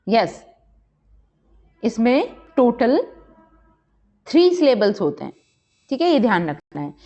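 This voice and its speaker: A woman teacher running a quiz lesson, reading questions slowly and explaining quickly. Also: sits high, a little mellow. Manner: reads questions slowly, explains quickly in Hindi-English mix. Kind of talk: exam-prep quiz lesson.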